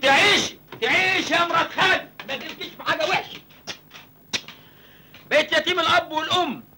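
A man's voice: extremely high pitch, a little fast, noisy background. An actor playing a naive, cheeky village man newly arrived in the city, speaking with an Egyptian accent. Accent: Egyptian Arabic. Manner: cheeky joking chatter. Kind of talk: 1980s film comedy acting.

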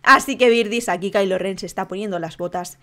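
A young woman with a Spain Spanish accent giving excitable let's-play commentary, full of exclamations. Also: mid-range voice, fairly quick. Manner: excitable, frequent exclamations and laughter. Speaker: gaming YouTuber.

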